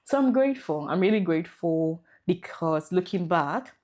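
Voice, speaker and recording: A woman with a Ghanaian English accent speaks as a podcast guest. Her voice sits low, and she tells her story in a warm, thoughtful way. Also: lively intonation, normal speed. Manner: warm, reflective storytelling with laughs. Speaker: guest researcher. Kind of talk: podcast interview.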